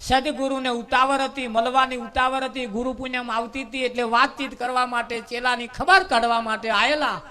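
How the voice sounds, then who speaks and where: A man tells a parable at a devotional gathering in a very high, bright voice. He talks in an animated, folksy way and repeats words for rhythm. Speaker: preacher. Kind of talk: storytelling sermon at a devotional gathering.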